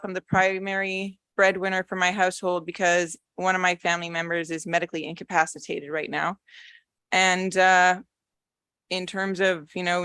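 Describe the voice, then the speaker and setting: A woman's voice: lowish voice, pushed and bright, clear, resonant tone, no room sound. Nervous young woman at a hearing mic. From Canada. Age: young adult. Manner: nervous but blunt, frustrated. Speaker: resident speaking at a public hearing. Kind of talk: public comment. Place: council chamber.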